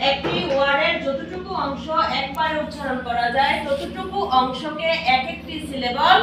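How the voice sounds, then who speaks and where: Female teacher, higher voice, drills a class with call-and-response; echoey room, distant mic, noisy. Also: moderate pace. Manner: repetitive, drills pupils with questions.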